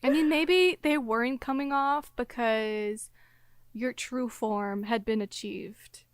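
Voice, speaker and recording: A young woman co-hosting a casual book podcast, playful and quick to laugh, with joking asides. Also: on the high side, clear, resonant tone, no room sound. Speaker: podcast co-host. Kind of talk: casual chat.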